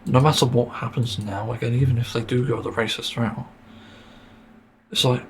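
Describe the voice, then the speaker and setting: Male podcast host, solo rant, irritated and sweary, hoarse-ish throat, light background hiss. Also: medium pitch, fairly even intonation, moderate pace. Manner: frustrated, swearing, many fillers and sighs. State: sore throat, mint in mouth.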